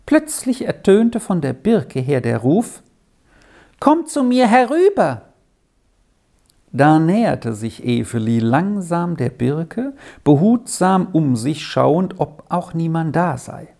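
Slow, gravelly storybook narrator. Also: medium pitch. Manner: slow, expressive read-aloud delivery. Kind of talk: storybook reading.

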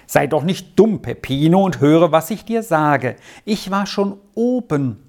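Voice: medium pitch, expressive, unhurried, a little mellow. A reader voicing a sturdy, broad ten-year-old boy who is pushy and mocking, in a storybook reading. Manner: insistent, teasing.

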